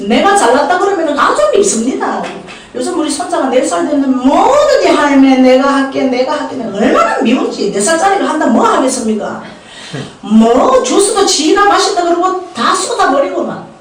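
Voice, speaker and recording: A woman's voice: very high-pitched, big pitch swings, moderate pace. An older woman with a Gyeongsang Korean accent preaching a humorous storytelling sermon, chatting with and questioning the congregation. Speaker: prayer house director preaching. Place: church sanctuary. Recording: echoey church hall, distant mic, poor quality.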